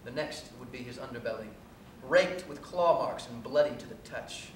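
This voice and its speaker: At a live cabaret, a man performs a dramatic first-person story reading on a theatre stage, recorded from afar in a very reverberant space with faint noise underneath. His voice sits a little high, and his telling is deliberate and measured.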